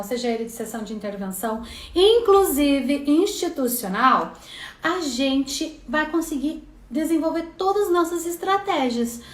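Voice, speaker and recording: A woman with a Brazilian accent teaching a casual online lesson in a chatty way, often adding "né". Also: high-pitched. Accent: Brazilian Portuguese. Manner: chatty, frequent "né" tags. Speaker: neuropsychopedagogy teacher. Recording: roomy echo.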